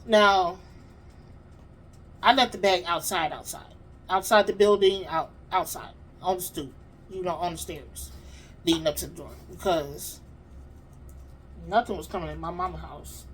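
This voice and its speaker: A woman hosting her own vlog, telling a story in an animated, chatty way and talking straight to her audience. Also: fairly low pitch, slight background noise. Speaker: vlog host. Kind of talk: casual storytelling to viewers.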